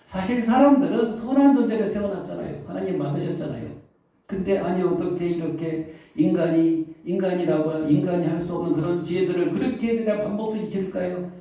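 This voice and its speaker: A man preaching a sermon as pastor, questioning the congregation and answering himself, reading scripture slowly. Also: high voice, dark tone. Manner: reads scripture slowly and deliberately. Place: church sanctuary. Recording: echoey hall, distant, dull mic.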